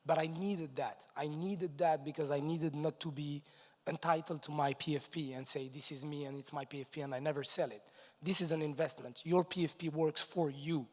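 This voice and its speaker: A man from Morocco, giving an energetic stage presentation at a conference and chuckling between points. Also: a little high. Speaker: conference speaker. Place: large conference hall stage. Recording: long reverb of a large hall.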